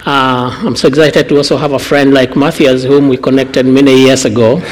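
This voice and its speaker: Kenyan pastor in a reverberant hall. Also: male voice, mid-range voice, little pitch movement. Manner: short phrases with pauses for translation, frequent "uh". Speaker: guest pastor. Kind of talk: church talk with interpreter. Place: church hall. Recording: long church hall reverb.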